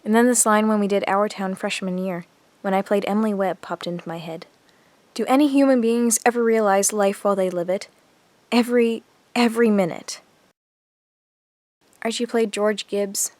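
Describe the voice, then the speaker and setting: Music runs under this zombie audio drama scene, where an actress plays an earnest teenage girl confiding in her diary, reflective and grieving. Her natural mid-range voice has a darkish tone and normal speed, pausing often, with no echo.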